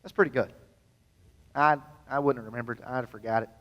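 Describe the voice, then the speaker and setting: A man's voice: mid-range voice, brisk, fairly bright tone, lo-fi sound. A man, preaching a sermon as pastor in a folksy, self-deprecating way and asking the congregation questions. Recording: long hall reverb.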